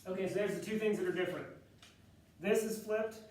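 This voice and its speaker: A loud, slightly high-voiced man gives a math lecture in a chatty, unhurried style, heard from a distance. Thinking aloud, he stops to correct himself mid-sentence and fills silences with ums. The classroom is very echoey, with faint room noise in the background.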